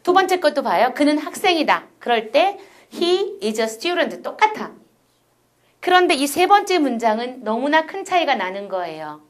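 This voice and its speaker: A woman's voice: high-pitched, very animated, moderate pace. A middle-aged woman giving a recorded university lecture, explaining step by step and often asking her listeners rhetorical questions.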